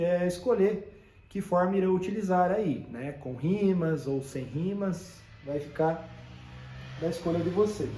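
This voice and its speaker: High-voiced man teaching poetry. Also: a little mellow, roomy sound. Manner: explanatory, checks in often with listeners. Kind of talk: recorded lesson on poetry.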